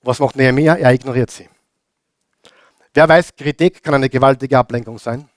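A man with an Austrian German accent preaching a sermon as pastor. He hammers home repeated phrases, asks the congregation questions, and swings between loud and hushed delivery. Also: medium pitch, steady tone, normal speed, no echo, studio quality.

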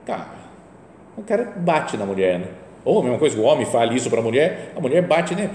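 A man's voice: medium pitch, very animated, fast talker, darkish tone, a little hiss or hum. A male priest with a Brazilian Portuguese accent gives a conversational sermon, often using rhetorical tag questions. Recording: echoey hall with faint ambience.

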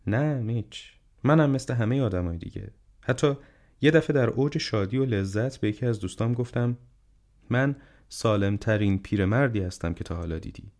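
A man voicing a gentle, wise, ailing old male professor in an audiobook, speaking calmly and reflectively. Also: fairly low pitch, close to an everyday voice. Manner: calm, reflective, unhurried counsel. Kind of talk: audiobook character reading.

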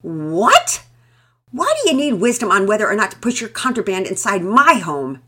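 A woman voicing an angry, hostile neighbor woman who shouts in indignation. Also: medium pitch, very animated, moderate pace, breathy edge, pitched above the performer's own voice, full character voice. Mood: furious.

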